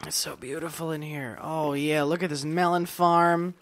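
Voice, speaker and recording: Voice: medium pitch, little pitch movement, moderate pace, background noise. A video game host giving casual, playful commentary while playing, chatting to themself with silly asides. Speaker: let's play host.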